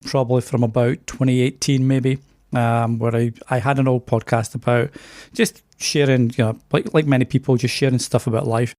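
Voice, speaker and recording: A middle-aged man from Scotland with a softened Scottish accent tinged with Canadian, chatting easily and with self-deprecating laughs as a podcast guest. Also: mid-range voice, fairly even intonation, moderate pace, no room sound, studio quality. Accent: softened Scottish with a slight Canadian tinge. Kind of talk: casual interview chat.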